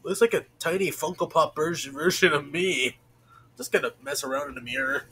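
A man's voice: fairly high pitch, normal speed, pushed and bright, a little hiss or hum. A man chatting casually as an amateur fan dubber. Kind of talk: casual chat during an amateur dub.

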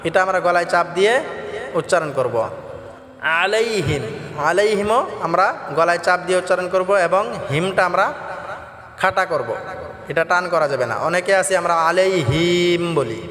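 A man teaching how to pronounce verses, explaining each sound slowly and chanting the lines in a drawn-out way. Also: high voice, a bit bright. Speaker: Quran recitation teacher. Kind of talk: tajweed lesson with chanted recitation. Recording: echoey hall with faint music.

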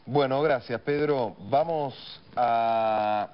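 A man's voice: medium pitch, very slow, dull audio. A man in his thirties with an Argentine accent, presenting live news as a TV anchor. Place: TV news studio.

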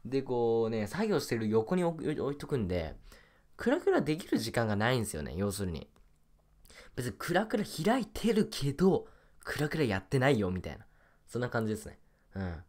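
A man's voice: mid-range voice, very animated, brisk. Man rambling over a mobile game. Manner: chatty, mutters and repeats phrases to himself. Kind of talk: casual rambling gameplay chat.

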